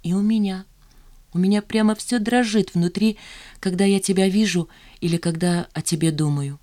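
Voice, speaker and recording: A woman's voice: medium pitch, steady tone, normal speed, mellow, lightly acted. A woman reading the part of a proud, moody young woman in an audiobook, sullen and sarcastic. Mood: tender.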